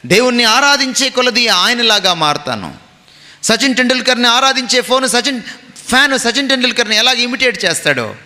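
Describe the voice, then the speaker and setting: Pastor, male: bright, emphatic sermon delivery with long hall reverb, drops into English phrases. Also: sits high.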